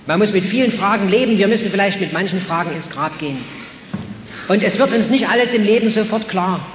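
A man preaching an evangelistic sermon, swinging between loud calls and quiet, earnest passages. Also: sits high, slight background noise. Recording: echoey hall, muffled old recording.

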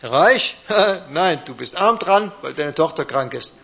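A man voicing a stubborn, bearded old male mountain hermit who talks gruffly. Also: a little high, lively intonation, slow, fairly bright tone, full character voice. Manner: gruff and growling. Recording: dull lo-fi recording.

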